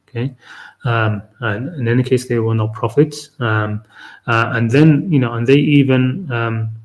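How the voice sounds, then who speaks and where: Halting man thinking aloud, mid-pitched. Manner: halting, frequent "um" and tag "okay?"; reasoning aloud, explaining to listeners. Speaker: host of a Quran reflection series. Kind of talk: unscripted live-stream reflection.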